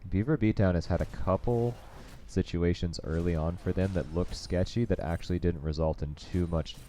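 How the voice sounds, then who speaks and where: A man casting an esports match, giving steady analytical play-by-play with coaching asides. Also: sits low, moderate pace. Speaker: esports caster. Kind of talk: play-by-play game commentary.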